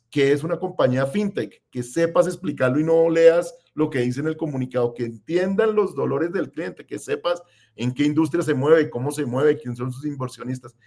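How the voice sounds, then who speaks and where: A communications professional on a podcast, giving direct, emphatic recommendations. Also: male voice, on the high side, gravelly, a little mellow. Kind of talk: podcast conversation.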